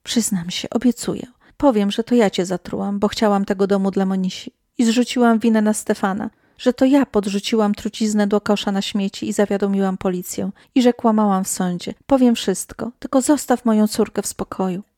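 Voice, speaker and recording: A woman's voice: mid-range voice, fairly even intonation, fairly quick, few pauses, dark tone, no echo, clean studio sound, close to an everyday voice. A woman voicing a frightened, guilt-ridden middle-aged mother who pleads as she talks. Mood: pleading.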